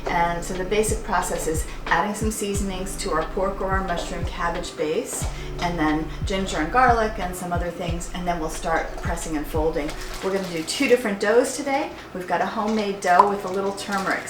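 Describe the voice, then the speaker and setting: A middle-aged American woman from the United States, partly Hawaii, presents a cooking demonstration as a home cook in a roomy indoor kitchen. Her fairly low voice moves at normal speed as she talks informally and explains things conversationally. The room is echoey, with music playing behind her.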